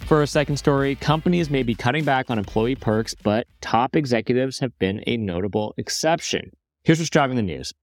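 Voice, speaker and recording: A man hosting a business news podcast, reading a script briskly and dropping wry joking asides. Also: mid-range voice, no room sound. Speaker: podcast host.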